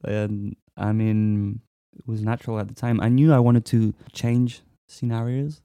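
A man in his twenties from France, a musician talking casually in an interview, relaxed and hesitant with many fillers. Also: fairly low pitch, measured pace, clear, resonant tone, no echo. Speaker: musician guest.

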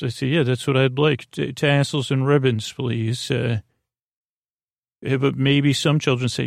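A man with a creaky, gravelly, mid-range voice hosts a sleep podcast, drifting through a whimsical, hesitant bedtime monologue full of stammered false starts. The studio-quality recording has no room sound.

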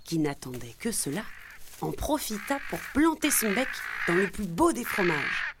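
A woman narrating a children's story in an expressive, lively reading. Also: medium pitch, normal speed, noisy background. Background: faint music.

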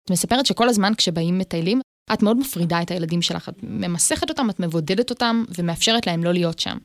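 A woman podcast host asking calm, probing interview questions. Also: fairly low pitch, dry recording.

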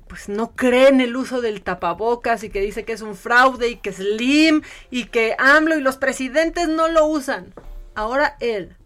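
A woman hosting a radio show, ranting in a sarcastic, mocking way in casual chat. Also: on the high side. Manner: sarcastic, mocking, animated rants. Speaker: radio host. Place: radio studio.

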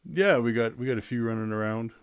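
A man with a Canadian accent talking casually as an interview guest, with a hesitant, halting delivery. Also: medium pitch, clean tone. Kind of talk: casual personal storytelling.

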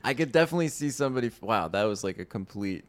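A man's voice: medium pitch, animated, rapid-fire. A man co-hosting a casual movie podcast, laid-back, swearing and laughing often. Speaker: podcast co-host.

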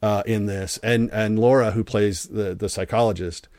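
A man's voice: on the low side, steady tone, normal speed, a little mellow, no echo, studio quality. A man with an American accent hosting an interview, chatty and rambling with frequent restarts. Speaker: podcast host. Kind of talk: casual interview chat.

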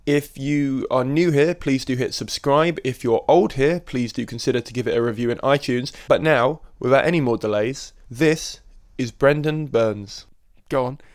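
A chatty man in his twenties hosts a podcast in an easy, conversational way. He laughs often and gets more animated as the back-and-forth heats up. His voice sits at an ordinary, middle pitch. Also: moderate pace. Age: 20s. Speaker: podcast host. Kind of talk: casual podcast chat.

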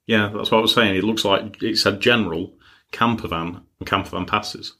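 Guy, very low voice, podcast co-host, blunt and dry. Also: steady tone, normal speed, bright, forceful tone. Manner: blunt, dry short replies. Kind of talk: casual chat about music news.

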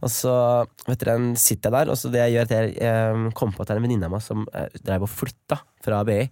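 A man's voice: fairly low pitch, level tone, warm tone, no echo, studio quality. A young man, a stand-up comedian, telling a personal story in a casual, rambling way with lots of fillers and swearing. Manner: loose, rambling delivery full of fillers and swearing. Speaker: stand-up comedian as podcast guest.

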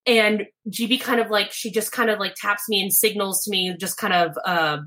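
Bright-voiced young woman, chatty storyteller. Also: medium pitch, steady tone, normal speed. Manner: chatty, heavy use of "like", acts out her own past thoughts. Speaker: guest telling her birth story. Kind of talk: casual conversational storytelling.

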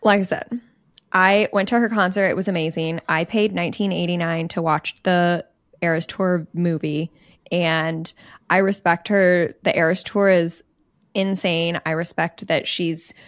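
A woman's voice: fairly low pitch, fairly even intonation, a little slow, dry recording, clean studio sound. A woman co-hosting a casual podcast, talking in a chatty, emphatic way. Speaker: podcast co-host. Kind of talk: casual chat.

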